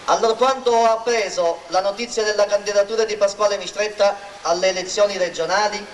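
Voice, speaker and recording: A man's voice: sits high, fairly even intonation, a little fast. A man giving a formal, oratorical political speech at a rally, declaiming to a public square. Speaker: local party politician introducing a candidate. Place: outdoor town square rally. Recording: roomy, distant mic, faint noise.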